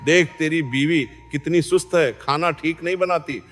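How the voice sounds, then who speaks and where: A man's voice: fairly high pitch, moderate pace, close to an everyday voice. A man voicing a harsh, domineering older mother-in-law who scolds and taunts, in a story read aloud. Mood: taunting. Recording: long reverb, faint music behind.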